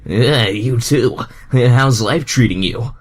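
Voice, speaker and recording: A man's voice: medium pitch, slow pace. A man reading the part of a friendly, laid-back hedgehog hero in fan fiction, casual and slightly stammering.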